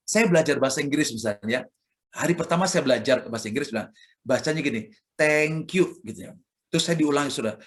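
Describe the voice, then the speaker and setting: A man with an Indonesian accent, a church elder preaching a sermon who acts out sounds and examples as he speaks. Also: a little high.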